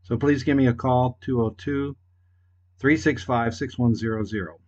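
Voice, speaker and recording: A man's voice: mid-range voice, fairly even intonation. A man leaving a long, hesitant voicemail over a landline phone, stopping often with fillers. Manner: hesitant, halting, many fillers. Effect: heard over a landline phone. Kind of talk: rambling phone message. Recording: muffled phone-line audio.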